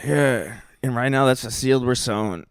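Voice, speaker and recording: A man co-hosting a casual comedic podcast, animated and acting out quotes from people in his stories. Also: medium pitch, moderate pace, smooth, no echo. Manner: animated storyteller, acts out quotes. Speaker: podcast co-host.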